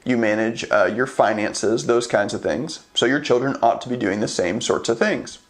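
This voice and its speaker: A man's voice: medium pitch, normal speed. Earnest man giving casual parenting advice. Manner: earnest, conversational, frequent ums and rhetorical "right?". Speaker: unschooling advocate vlogger. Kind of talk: casual advice talk to camera.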